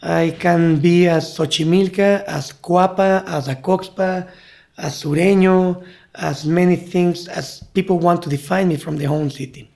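A man's voice: high-pitched, fairly even intonation, measured pace, vocal fry, darkish tone. A man from Mexico City with a Mexican Spanish accent, a native Spanish speaker and guide, talking reflectively and searching for words in an interview.

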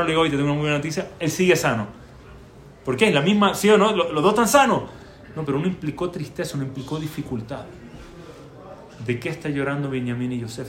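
Animated man teaching Torah, echoey room. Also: mid-range voice. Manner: animated storyteller, asks rhetorical questions. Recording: echoey room with faint background noise.

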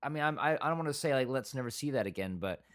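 A man co-hosting a casual podcast, talking loosely and wandering into quoted asides. His voice sits at an ordinary middle pitch. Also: lively intonation, racing, fairly bright tone. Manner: rambling, full of restarts and quoted asides. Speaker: podcast co-host. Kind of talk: casual review chat.

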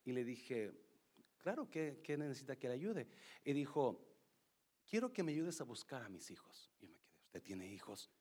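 A man's voice: mid-range voice, big pitch swings, moderate pace, husky. A middle-aged man preaching a sermon, telling a personal story and mixing English words into Spanish. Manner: shifts from loud reading to soft storytelling. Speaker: pastor.

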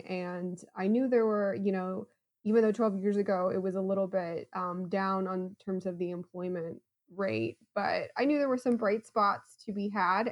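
A woman, a guest chatting in a casual podcast interview, friendly and laughing often. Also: mid-range voice. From Ohio, USA. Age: 30s.

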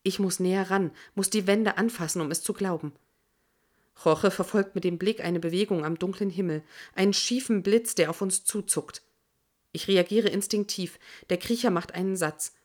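A woman reading a first-person audiobook in a measured, tense manner. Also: mid-range voice, darkish tone. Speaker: audiobook narrator. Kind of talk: first-person scripted narration.

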